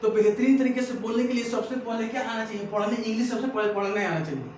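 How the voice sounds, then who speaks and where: A very high-pitched man runs a pronunciation drill, saying each word over and over and firing back "what?" after it. He is recorded from a distance in a very echoey room, with faint noise underneath. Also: quick pace, darkish tone. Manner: drills words by repetition, keeps asking "what?". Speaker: English teacher.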